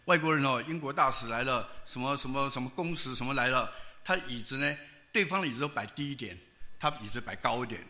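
A man's voice: medium pitch, expressive, fast talker, bright, forceful tone. An older man with a Taiwanese Mandarin accent preaching a sermon, telling stories in a folksy way with many fillers and tag particles. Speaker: pastor.

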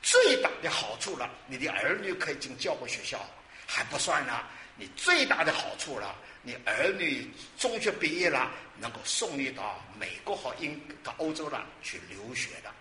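A man's voice: mid-range voice, sing-song, normal speed, sharp tone, a little hiss or hum. Older guy preaching, swoops up and down a lot, exclaims and answers his own questions, echoey church room. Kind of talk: sermon. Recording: roomy hall with faint ambience.

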